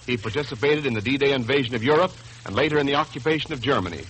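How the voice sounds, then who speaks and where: On an old broadcast, an American radio announcer and sponsor spokesman reads scripted copy in 1940s style, emphatic, formal and polished. His medium-pitched voice is a bit bright and very fast. The recording is rough, with a little hiss or hum.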